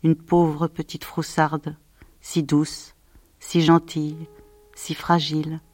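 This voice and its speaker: A woman reading a novel aloud at a slow, measured, gentle pace. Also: low voice, level tone, no room sound. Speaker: audiobook narrator. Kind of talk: slow scripted literary narration.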